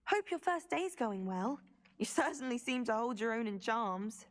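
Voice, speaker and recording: A woman's voice: fairly high pitch, expressive, moderate pace, lightly acted. A woman playing a friendly, poised teenage schoolgirl witch in a video game, speaking politely and measuredly. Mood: welcoming. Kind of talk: video game character acting. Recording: long hall reverb.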